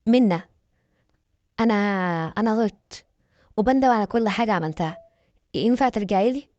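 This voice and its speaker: A woman's voice: on the high side, a little fast, warm tone, dry recording, highs cut off, natural voice. A woman voicing a remorseful middle-aged ex-husband who pleads with an Egyptian accent. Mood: regretful. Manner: pleading, regretful.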